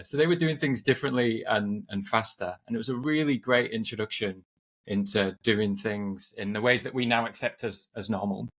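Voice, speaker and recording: A middle-aged Englishman, an agile coach and author, is a guest in a casual podcast conversation, talking in a friendly way and often repeating words as he restarts. His voice is mid-range with a fairly bright tone.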